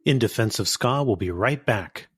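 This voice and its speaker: A man's voice: fairly low pitch, lively intonation, normal speed, slightly rough, faint music behind. A man hosting a podcast, asking casual interview questions in a hesitant, roundabout way.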